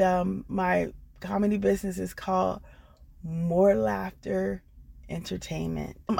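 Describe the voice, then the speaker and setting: An American woman from the Washington D.C. area, a comedian and actress appearing as a guest storyteller, tells an unscripted personal story. Her voice is medium-pitched, gravelly and a little mellow, and her manner is earnest and encouraging.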